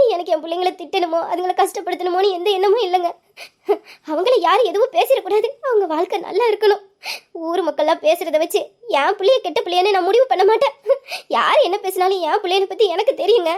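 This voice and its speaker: A woman's voice: very high voice, a little mellow. A woman playing a middle-aged widowed mother in a family drama, speaking in a pleading, tender and tearful manner. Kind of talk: emotional family drama acting.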